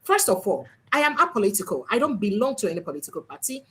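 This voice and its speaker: Husky Nigerian woman hosting, lively pitch. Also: fast. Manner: emphatic, drifts into Pidgin. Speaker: livestream host. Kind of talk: political commentary livestream.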